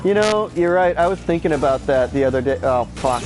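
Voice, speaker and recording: A congested, exhausted streamer in his thirties chatters about his game a little quickly, his fairly high voice animated. He rambles, swears and opines freely, with game music and background noise around him.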